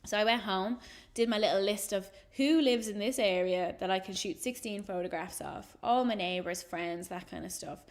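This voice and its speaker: A woman's voice: medium pitch, normal speed. An Irish woman, a photographer, telling a casual story in a talk and acting out the voices of the people she quotes. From Ireland. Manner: chatty, animated, acts out quoted voices.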